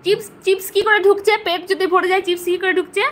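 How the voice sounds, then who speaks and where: A woman's voice: extremely high pitch, level tone, fast talker, slight background noise. A woman, a mother vlogging at home on her phone, coaxing and teasing her small son in a sing-song voice. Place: at home indoors.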